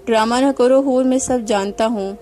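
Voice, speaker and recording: A woman's voice: a little high, flat delivery, soft background music, natural voice. A woman voicing a heartbroken young husband who pleads with his wife, in her own reading voice. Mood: angry. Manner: pleading, then sharp and raised when angry.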